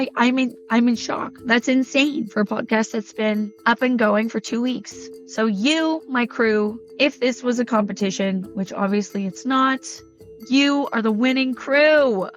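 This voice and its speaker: Hoarse woman podcast host, croaky, slightly squeaky, fairly high pitch, chatty, dull lo-fi sound, faint music. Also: unhurried. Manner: chatty, enthusiastic, thankful. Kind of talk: podcast intro monologue. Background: faint background music.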